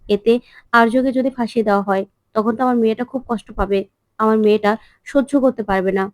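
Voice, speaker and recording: Woman doing worried old father fretting about his daughter, highish voice. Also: steady tone, fast talker, no echo, close to an everyday voice.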